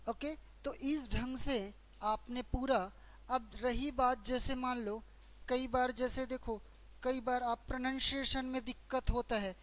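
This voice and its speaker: In an exam-prep grammar lesson, a woman teacher with a Hindi accent explains English verb forms, asking students questions and repeating each answer. Her pace is slow and repetitive. Her voice sits high, with fairly even intonation.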